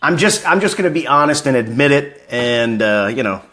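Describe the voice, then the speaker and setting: A man's voice: mid-range voice, expressive, normal speed, pushed and bright. A man hosting a live fan stream, greeting viewers by name and chatting casually about football news.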